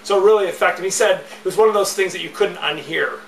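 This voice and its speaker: A man's voice: high voice, fast, creaky, a bit bright, recorded from a distance, slight background noise. A man hosting a podcast, talking casually and rambling, with repeated catchphrases, recorded with roomy echo away from the mic. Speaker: podcast host. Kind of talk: casual solo podcast talk.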